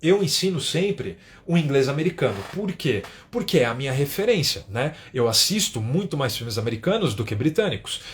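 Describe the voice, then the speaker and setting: A man's voice: medium pitch, sing-song, normal speed, few pauses, a little hiss or hum. A man from Brazil with a São Paulo accent, teaching English in a live stream and talking casually, often tagging his sentences with little checks for agreement. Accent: São Paulo Portuguese. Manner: chatty, keeps adding tag questions.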